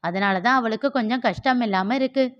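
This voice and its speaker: A woman's voice: on the high side, fairly quick, lightly acted. A woman voicing a caring, outspoken elder sister-in-law who coaxes a baby and chides her brother-in-law. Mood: chiding. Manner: coaxing, chatty. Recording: dull lo-fi.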